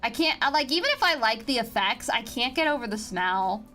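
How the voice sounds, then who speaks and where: A woman's voice: on the high side, expressive, a little fast, pushed and bright, soft background music. A young woman chatting with her viewers on a stream from home, giggly and teasing, with lots of restarts. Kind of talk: casual chat with stream viewers. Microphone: home streaming mic.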